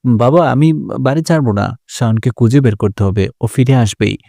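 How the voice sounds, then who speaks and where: A man's voice: medium pitch, normal speed, creaky, warm tone, no room sound, studio quality. A man voicing a frightened, tearful young wife who pleads and defends herself. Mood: pleading.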